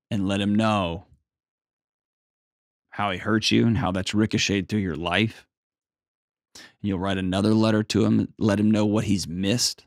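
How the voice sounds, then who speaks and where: Low-voiced man giving emphatic, folksy counsel. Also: dry recording, studio quality. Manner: emphatic, folksy, plain-spoken. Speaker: advice show host counseling a caller. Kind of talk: conversational coaching.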